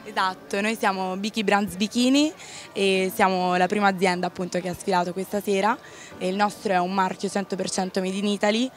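A young woman speaks as a brand representative in a promotional interview. Her pitch is average for a woman. Faint music sits in the background. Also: steady tone, brisk. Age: young adult. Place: outdoor café street at night. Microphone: handheld interview microphone.

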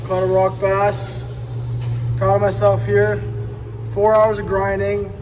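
A man's voice: high voice, completely flat delivery, slow. A young man from Canada hosting a casual fishing vlog outdoors, joking in a mock-review style into a phone held at arm's length. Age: young adult. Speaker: vlog host. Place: outdoors on a lake and in a car. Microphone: handheld phone camera at arm's length. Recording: outdoor phone audio with loud wind and engine noise.

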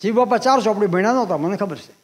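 An elderly man in his eighties tells stories from his own life to a listening audience. His voice sits high for a man, and the talk is unhurried, with pauses and repeated phrases. A long reverb trails after him in a large hall. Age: 80s. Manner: unhurried anecdotal storytelling, pausing and repeating phrases. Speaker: guest speaker at a public talk.

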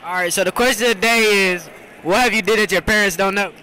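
A teenage boy runs a casual interview in a cafeteria, repeating his question to each classmate. His voice is high and bright, with a faint hum of the room behind it. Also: fast, poor audio. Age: teens. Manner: repeats the same question, laughs along. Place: school cafeteria.

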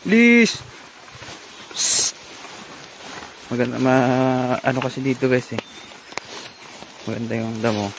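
This farmer vlogger has a mid-range voice with little pitch movement, speaking at normal speed but leaving long pauses. He's outdoors on his farm among trees, casually addressing viewers and calling to his carabao. Insects and animals can be heard, along with a little hiss or hum.

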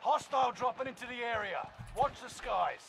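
A man's voice: very high voice, normal speed, gravelly, music in the background. An actor playing a terse male military commander in a game, giving clipped radio-style callouts. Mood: commanding. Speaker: in-game mission announcer. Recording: loud gunfire and battle noise behind.

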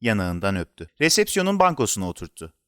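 A man narrating a children's story in an expressive, animated storytelling manner. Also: fairly low pitch, fast talker, smooth, no room sound, clean studio sound.

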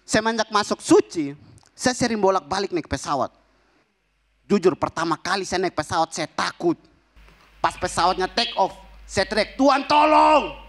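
A young man from Kupang performing a stand-up comedy routine on a TV studio stage, punchy and animated, with sound effects. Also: a little high. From Kupang, Indonesia. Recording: noisy stage ambience.

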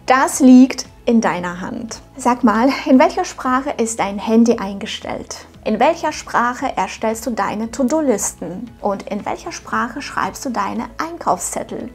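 Her fairly high voice has lively intonation and a slightly rough texture, unhurried with few pauses, over soft background music. This German teacher in her thirties, not a native speaker, films scripted lessons at home, encouraging viewers warmly and speaking straight to them.

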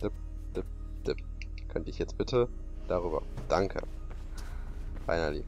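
A man's voice: deep voice, expressive, measured pace, darkish tone, dull audio, soft background music. A man commentating a video game as he plays, sarcastic and exclaiming, talking to his viewers. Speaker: let's play commentator. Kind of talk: gaming commentary.

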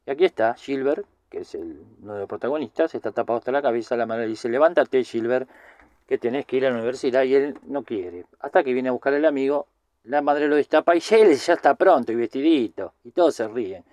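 A man's voice: mid-range voice, animated, fairly quick, a little mellow, dry recording. A man with a Rioplatense Spanish accent giving a casual, chatty film recap, rambling with lots of filler words. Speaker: film commentator.

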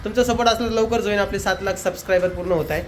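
A man's voice: high-pitched, fairly even intonation, racing, faint music behind. A man filming a casual family vlog, chatting and teasing his relatives while talking straight to his viewers. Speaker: family vlogger. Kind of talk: casual vlog chat to camera. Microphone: handheld camera.

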